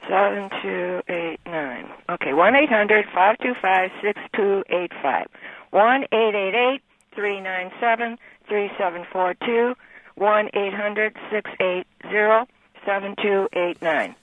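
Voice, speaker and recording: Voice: mid-range voice, lively intonation, slow. A radio show caller on a phone line, politely asking for details and carefully reading numbers back. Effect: heard over a phone line on air. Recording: tinny phone line, faint hiss.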